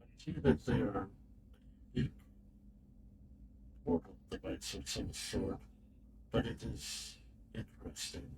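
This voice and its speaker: A man's voice: mid-range voice, expressive, creaky, recorded from a distance. A man voicing an ancient, solemn robot being, his words clipped and dropping out from noise suppression. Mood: wary. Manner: slow, grave, measured speech. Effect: noise suppression cutting the voice off. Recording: voice chat mic, faint noise, choppy suppression.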